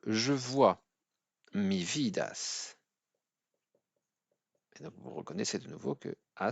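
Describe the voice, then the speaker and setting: A man from France teaching a language lesson at a board, hesitant with many fillers, slowing down to spell out each example word. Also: lowish voice, creaky, dry recording. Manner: slow, careful spelling-out of example words. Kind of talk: explaining at a whiteboard.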